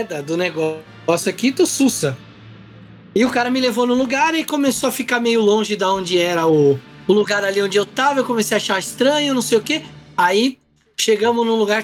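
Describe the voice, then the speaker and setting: A man telling a travel mishap in casual chat, acting out the other people's lines as he goes. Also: high-pitched. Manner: animated storyteller, acts out dialogue.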